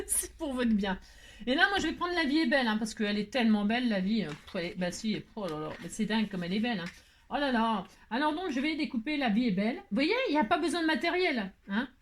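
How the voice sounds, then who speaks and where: A woman hosting a casual card-making tutorial, chatting and joking as she works, with lots of "hein" asides and mock exasperation. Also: fairly high pitch. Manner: theatrical self-mocking exasperation. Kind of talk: casual crafting tutorial chat.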